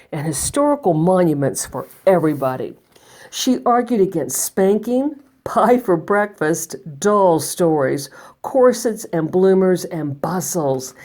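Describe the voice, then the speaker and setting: Reading a children's picture book aloud at a library storytime, this woman uses a lowish voice. She is expressive and emphatic, pausing for effect.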